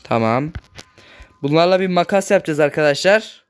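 High, clear-voiced man narrating gameplay. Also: lively intonation, normal speed. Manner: talks loudly on purpose so the voice carries; chatty, keeps addressing viewers as friends. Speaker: gaming channel host. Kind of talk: casual gameplay commentary.

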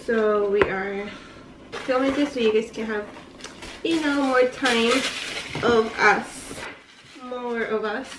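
Woman, casual vlog chat, fairly high voice, roomy echo, a little distant from the mic. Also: takes it slowly, long pauses. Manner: chatty, laughing often, asks questions. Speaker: vlogger host. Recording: echoey room, voice a bit far off, faint ambient noise.

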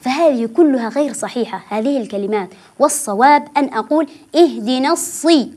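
A woman teaching children Quran recitation on a TV program, patiently repeating words slowly syllable by syllable. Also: high voice, a little mellow. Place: TV studio.

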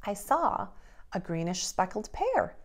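Here a middle-aged woman takes the role of a preschool teacher, talking to young children in a simple, instructional read-aloud manner that is deliberate and expressive. Her pitch sits in the middle range and her delivery is very animated.

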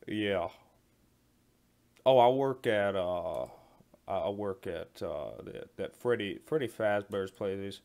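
Slow and gravelly, with a bit of mellowness, this man's lowish voice carries a rambling comedy phone call. The skit performer plays a callous 40-year-old guard on night duty, stammering and repeating himself in slangy chatter.

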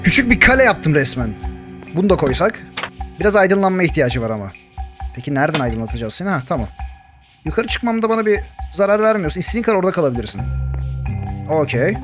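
High, lively young man gaming. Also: quick pace, pauses often, music in the background. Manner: jokey, panics and yells when chased. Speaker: gaming YouTuber. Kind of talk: Minecraft let's play with story narration.

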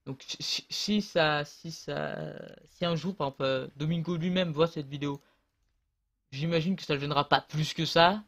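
A man's voice: a little high, normal speed, fairly bright tone. A man casually commentating his own online match, rambling and hesitant with many fillers and restarts, on a close desk mic.

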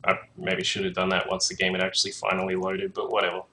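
A man's voice: low-pitched, monotone, fast, sharp tone, slight background noise, low-quality recording. A man casting a strategy game match alone from his home computer, chatting casually with many fillers and asides to the chat. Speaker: game caster. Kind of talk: solo esports commentary.

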